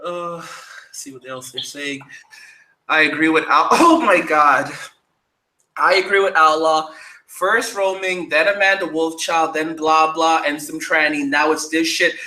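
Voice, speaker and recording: Laughing, bright-voiced man reading comments. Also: a little high, measured pace, reverberant, poor audio. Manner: crude joking, frequent laughter. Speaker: podcast host reading viewer comments. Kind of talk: casual chat.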